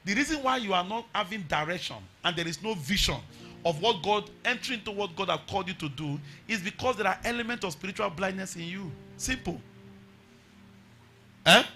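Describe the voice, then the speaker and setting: Male Nigerian preacher, high sharp voice, emphatic exhorting sermon delivery, music behind. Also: fast. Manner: emphatic, exhorting, with repeated phrases and rhetorical questions to the congregation. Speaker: revival preacher. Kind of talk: revival sermon.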